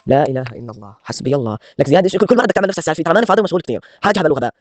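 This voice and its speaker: A man's voice: fairly high pitch, lively intonation, very fast. A man, evasive and insistent, in a comedic skit.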